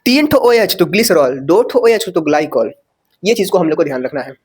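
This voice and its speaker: High-voiced chatty male chemistry teacher. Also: lively intonation, brisk, darkish tone, husky. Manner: chatty, asks rhetorical questions, jokes and corrects himself. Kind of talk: casual chalkboard lecture.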